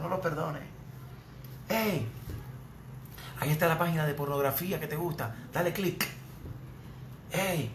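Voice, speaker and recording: Sly sneaky voice of sin egging you on, venezuelan preacher putting it on, softer, echoey. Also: male voice, a little high, a little hiss or hum, natural voice. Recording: echoey church room.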